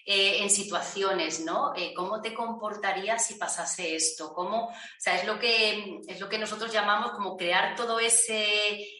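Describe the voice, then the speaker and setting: A woman's voice: medium pitch, steady tone, measured pace, few pauses, sharp tone. A woman, a teacher and actress, talking reflectively with many fillers and restarts. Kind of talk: conversational discussion. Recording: roomy echo, distant from mic.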